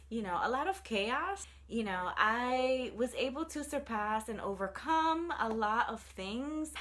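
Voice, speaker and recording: A woman in her thirties from New York City, an artist, social worker, and fellowship applicant, tells her personal story for a video application in an earnest, reflective way. Her voice is mid-range with a fairly bright tone.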